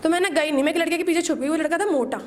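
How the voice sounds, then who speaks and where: A woman's voice: extremely high pitch, racing, a little hiss or hum. A young woman in her twenties doing a first-time stand-up set, telling self-mocking college stories and acting out her strict teachers. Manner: self-mocking storytelling, acts out teachers' scolding. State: nervous, shaking. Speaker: stand-up comedian. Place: small open-mic stage with audience.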